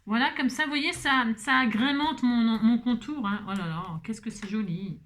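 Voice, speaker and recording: A woman's voice: a little high, moderate pace. A woman hosting a craft tutorial, chatting playfully to herself and her viewers and breaking into song.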